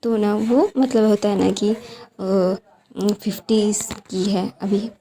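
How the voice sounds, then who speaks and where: A woman casually recounts a fan story, drifting along with frequent fillers and English words mixed in. Her voice is mellow and mid-pitched. She talks like a friendly channel host chatting to her viewers. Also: gravelly.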